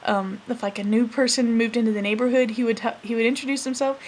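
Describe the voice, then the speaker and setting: Soft-spoken young woman, halting and casual. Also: fairly high pitch, steady tone, a little hiss or hum. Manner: soft-spoken, hesitant, full of fillers and self-corrections; laughs while recalling funny moments. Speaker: vlogger. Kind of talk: casual storytelling to camera.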